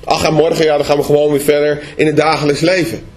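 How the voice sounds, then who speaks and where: A man's voice: fairly high pitch, flat delivery, quick pace, darkish tone. A man preaching a sermon in a conversational way, often asking the listeners questions. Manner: conversational, asks rhetorical questions.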